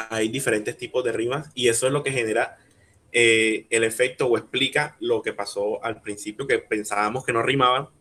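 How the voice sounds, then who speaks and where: A man leads a workshop lecture over a video call, with a voice in the middle of the male range. He is patient and methodical, breaking words into syllables slowly. He stops often to ask listeners questions and check that they follow. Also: mid-range voice, a bit bright. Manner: patient, explains step by step, spelling out syllables slowly; asks the audience questions and checks understanding. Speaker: workshop speaker teaching rhyme.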